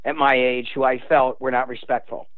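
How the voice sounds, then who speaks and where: This older man is a guest author giving explanatory answers on the radio, earnest and emphatic in tone. His medium-pitched voice stays fairly flat at a moderate pace, heard without echo through a tinny narrow phone line.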